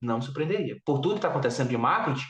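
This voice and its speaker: A man with a Brazilian Portuguese accent hosting a podcast interview, talkative and animated with many fillers. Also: medium pitch, very fast, echoey room, distant mic. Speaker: podcast host.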